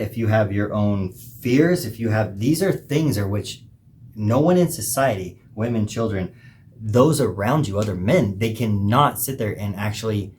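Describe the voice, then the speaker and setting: A man with a lowish voice delivers an emphatic, preachy monologue as a podcast host, pausing between phrases. Faint noise hums behind him. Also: a little mellow. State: hiccuping. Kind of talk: opinionated monologue.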